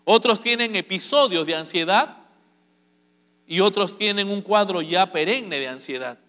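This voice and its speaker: Male pastor, high and bright, lively sermon delivery, long reverb of a church auditorium. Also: unhurried. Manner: lively, asks the congregation questions and acts out quotes.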